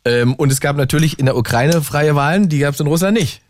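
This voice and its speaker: Pushy, fast-talking male debate host. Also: fairly high pitch, a little mellow. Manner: pushy, interrupting, repeating himself. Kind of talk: heated debate.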